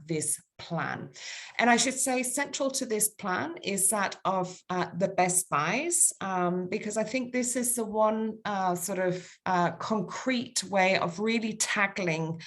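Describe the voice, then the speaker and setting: A woman speaking English with a Danish accent, delivering a formal presentation at a mid-range pitch. She works through a list of points and hesitates often, filling pauses with ums and uhs. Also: a bit bright. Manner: halting, many ums and uhs, lists points. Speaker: conference speaker.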